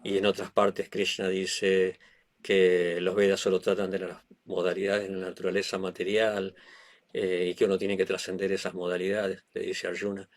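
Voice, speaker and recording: Deep low guy teaching a class, slow and flat, lots of pauses and ums. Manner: slow, hesitant, many fillers. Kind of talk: class talk.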